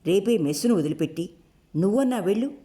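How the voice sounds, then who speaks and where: A woman narrator voicing a proud, wounded young woman who lashes out with sharp, scornful outbursts in an audiobook. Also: mid-range voice, animated, fast talker, lightly acted. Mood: indignant. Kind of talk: audiobook character voice.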